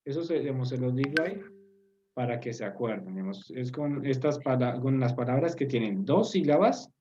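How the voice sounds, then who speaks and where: Over a video call, a Turkish teacher patiently walks an online group through a language lesson, hesitating often, filling pauses, and using tag questions to confirm they follow. His medium-pitched voice is expressive, warm and fairly quick, though the audio is dull.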